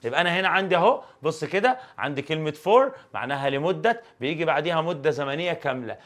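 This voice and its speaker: A young man with an Egyptian Arabic accent, teaching an exam review lesson in an animated, joking way full of rhetorical questions. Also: fairly high pitch, racing. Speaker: English teacher.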